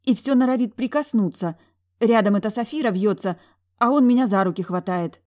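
A woman voicing a quick-tempered young woman in an audiobook, all huffy, loud protests. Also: a little high, pitched above the performer's own voice, close to an everyday voice. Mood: exasperated. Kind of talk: audiobook character voice.

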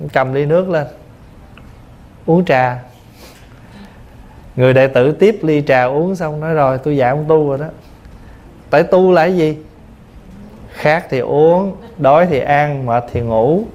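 A man's voice: a little high, moderate pace, pauses often, darkish tone, lo-fi sound. A male Buddhist monk teacher giving a dharma talk, explaining patiently through simple everyday examples. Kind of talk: dharma talk answering questions.

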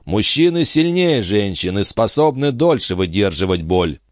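A man's voice: on the low side, big pitch swings, normal speed, no echo, studio quality. A man reading an audiobook, voicing a pompous, self-important young surgeon who declaims.

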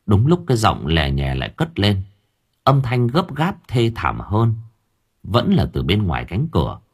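Husky, expressive male storyteller. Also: on the low side, measured pace. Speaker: audiobook narrator. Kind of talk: storytelling narration.

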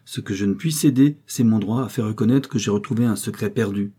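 A proud young widow who refuses to sell her secret cheaply , voiced by a man reading aloud. She speaks firmly and with dignity, her tone dark and a little husky. It is the voice of a storybook heroine who will not yield. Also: on the low side, fairly quick. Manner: firm and dignified. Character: proud, determined young widowed lacemaker woman.

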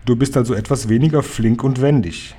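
A man reading the lines of a loving, clever old grandmother in an audiobook, in a calm, careful way. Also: mid-range voice, brisk, breathy edge, close to an everyday voice.

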